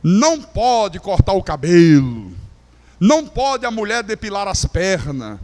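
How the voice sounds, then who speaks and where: A man preaching a sermon as pastor, acting out the quoted voices and swinging from hushed to loud. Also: high-pitched, very animated, measured pace. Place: church.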